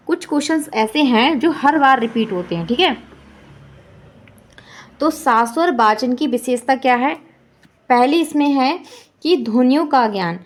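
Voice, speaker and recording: Woman teacher quizzing with repeated checks. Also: fairly high pitch. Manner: repeats points as quiz questions to the viewer; frequent checking "ठीक है" fillers. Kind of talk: online exam-prep lesson.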